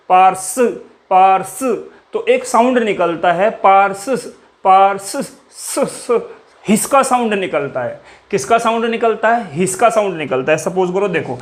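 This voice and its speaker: A man teaching an English grammar lesson. He asks questions, answers them himself, repeats key words, and drops his voice on the answers. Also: high-pitched. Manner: repetitive, quizzing students with questions he answers himself. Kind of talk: classroom grammar lecture.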